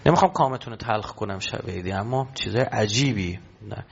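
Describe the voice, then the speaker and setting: A man's voice: fairly low pitch, creaky, highs cut off, a little hiss or hum. A man preaching a religious sermon, emphatic and full of rhetorical questions to his listeners.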